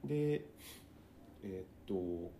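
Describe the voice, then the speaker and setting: Low mellow guy telling a story on a chatty podcast, voice jumps all around, roomy sound with a faint hiss. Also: slow, gravelly. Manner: storytelling, animated, asks questions. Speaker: podcast co-host. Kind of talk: casual chat.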